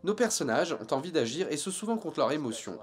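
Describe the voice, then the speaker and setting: A man's voice: fairly high pitch, very animated, brisk. A man reviewing TV series in a casual video, joking and sarcastic at times, then settling into an earnest critique.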